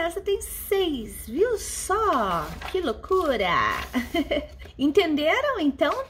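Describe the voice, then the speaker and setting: Slow, sing-song woman teacher. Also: fairly bright tone. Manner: slow, patient, with a sing-song pitch, stretching out words. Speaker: primary school teacher. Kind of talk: explaining homework to children.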